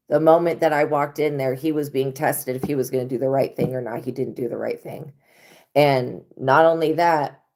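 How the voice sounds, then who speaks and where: A tarot reader hosting a live stream talks in an unusually deep, hoarse voice that's rough from having lost it, yet a little mellow. She vents bluntly and swears freely in a loose, unscripted monologue, close to a home mic.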